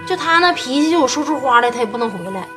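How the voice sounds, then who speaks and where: 一名女演员饰演一位要强倔犟的妻子，带东北口音，说话带着辩解。. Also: female voice, sits high, animated, racing, over music. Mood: stubborn. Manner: stubborn, defensive. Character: stubborn proud married woman. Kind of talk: TV series acting.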